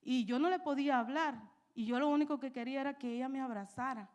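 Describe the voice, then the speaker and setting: A woman's voice: sits high, fast talker, darkish tone, muffled recording. A young woman preaching, telling a personal testimony with emotion and frequent "¿verdad?" asides. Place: church.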